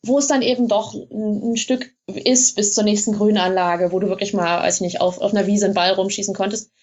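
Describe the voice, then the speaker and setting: A woman's voice: mid-range voice, fairly even intonation, a little fast, a little mellow. A woman blogger being interviewed, explaining things in a chatty way with frequent hesitations. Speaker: blogger in Russia, guest. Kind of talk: casual interview.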